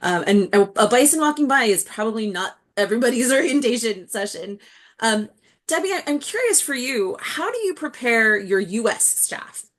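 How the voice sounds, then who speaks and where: A woman moderating a webinar panel, affirming answers and asking friendly follow-up questions over a video call. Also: medium pitch. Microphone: video call mic.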